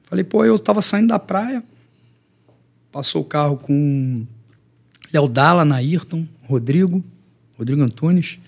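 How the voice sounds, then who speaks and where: A man's voice: fairly high pitch, unhurried, creaky, long pauses. A middle-aged man from Rio, a jiu-jitsu teacher telling stories as a podcast guest and acting out other people's lines. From Rio de Janeiro, Brazil. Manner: lively storyteller who acts out the voices of others. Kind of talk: podcast interview storytelling.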